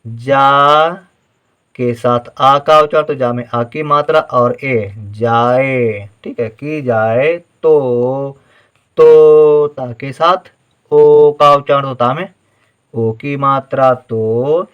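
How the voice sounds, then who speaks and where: A man's voice: medium pitch, extremely slow, clean tone, dull audio. A man teaching Hindi writing in a patient, step-by-step spelling lesson, sounding out each syllable and checking in with "theek hai" as he goes.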